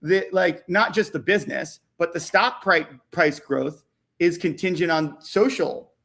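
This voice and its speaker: A man heard over a video call, his voice sitting a little high for a man. He talks stocks in a loose, halting way, doubling words as he goes and checking in with "right?". It sounds like an unscripted livestream chat. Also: gravelly, fairly bright tone. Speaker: stock market analyst. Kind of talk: casual livestream market chat.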